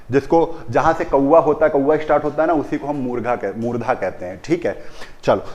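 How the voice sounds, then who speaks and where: A man's voice: medium pitch, a little mellow. A man teaching a grammar lesson in Hindi, who repeats key terms and keeps asking the children questions. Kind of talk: classroom lesson on pronunciation.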